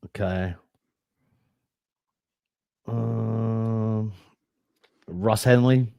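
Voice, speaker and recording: A man with a lowish voice co-hosts a casual podcast chat. He talks in a laid-back way, swears offhandedly and laughs often. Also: fairly even intonation, drawn-out words, highs cut off. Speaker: podcast co-host.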